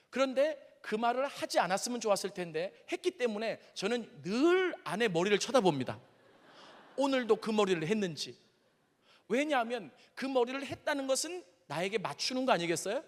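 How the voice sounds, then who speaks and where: Lively high-voiced pastor in a reverberant hall. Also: male voice. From Seoul, South Korea. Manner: animated, conversational, addresses the audience directly. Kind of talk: sermon lecture with personal stories. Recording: long reverb of a large hall.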